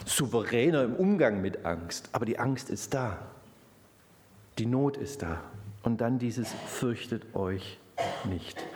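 A man preaching a sermon in an earnest way, speaking directly to his listeners and dropping to a near whisper on tender lines. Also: on the low side.

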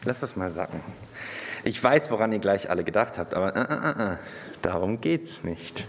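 A man preaches with a lively, swinging delivery and speaks straight to his listeners. His voice rises and falls a great deal. The sound rings with a long hall reverb. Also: fairly low pitch, normal speed. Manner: lively, animated, addresses the congregation directly. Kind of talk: sermon with Bible reading.

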